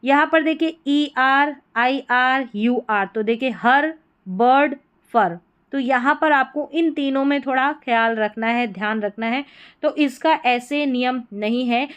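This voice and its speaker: A woman explains pronunciation rules to beginners, patient and methodical, restating each point more than once. Her voice is smooth and clear and sits a little high. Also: a little slow, fairly bright tone, muffled recording. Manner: patient, repeats points in several words. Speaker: English teacher.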